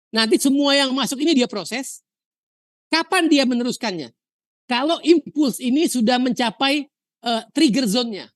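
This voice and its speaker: A woman from Indonesia teaching a university histology lecture, telling lively stories, asking rhetorical questions and dropping in English terms. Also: on the high side, no room sound, studio quality. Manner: mixes English terms into explanation.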